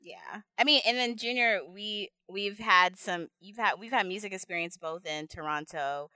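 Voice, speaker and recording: A woman's voice: medium pitch, normal speed, sharp tone, no echo. A woman hosting a casual podcast chat, upbeat and playful, laughing often. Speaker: podcast host.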